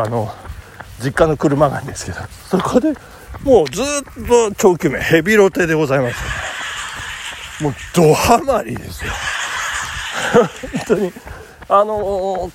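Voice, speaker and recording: A man's voice: high-pitched, vocal fry, noisy background. A man in his fifties hosting a casual solo talk show outdoors on a morning run. He speaks in a jokingly formal, chatty way. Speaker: podcast host.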